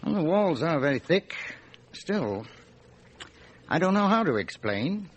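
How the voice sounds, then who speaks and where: In a radio drama, a man plays a talkative, obliging local police inspector who explains things in detail with slight hesitation. His fairly high, husky voice is very animated and heavily acted, delivered at a measured pace. The mood is obliging and explanatory, and the recording quality is low.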